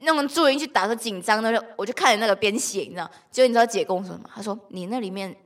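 A woman whose first language is Korean, co-hosting a podcast and telling stories in an animated, laughing way. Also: mid-range voice, racing. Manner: animated storytelling, bursts of laughter. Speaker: podcast co-host. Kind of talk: casual chat.

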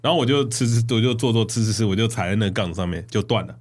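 A man hosting a casual podcast chat, telling stories in an animated, chatty way. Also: fairly low pitch, racing. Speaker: podcast host.

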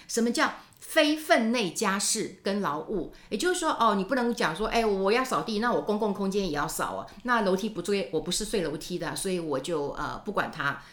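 A woman's voice: mid-range voice, a bit bright. A middle-aged woman hosting a podcast, chatting casually with lots of fillers and tag particles. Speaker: podcast host. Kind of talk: casual solo commentary. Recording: echoey room.

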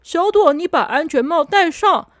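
A woman's voice: very high voice, expressive, no room sound, clean studio sound, voice pushed up. A woman voicing a careless, easygoing guide who drawls and hurries others along. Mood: breezy. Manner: easygoing, drawn-out.

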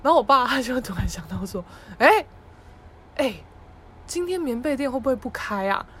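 A woman's voice: high-pitched, expressive, normal speed, husky. A young woman with a Taiwanese Mandarin accent tells family stories in a casual podcast monologue. She acts out her relatives' voices and laughs often. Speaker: podcast host.

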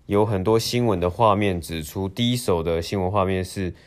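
A man co-hosting a casual news talk, halting and repeating phrases, mixing in English words. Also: low-pitched. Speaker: podcast co-host.

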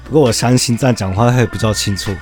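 A man co-hosting a podcast in casual chat, talking in a flat, mumbled way and often laughing. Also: medium pitch, fast, music in the background. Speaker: podcast co-host. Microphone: headset.

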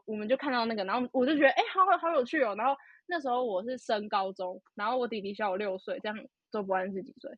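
A young woman, telling a story in casual podcast chat, animated and full of fillers. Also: a little high, husky, no echo. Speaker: podcast co-host. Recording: dull lo-fi podcast audio.

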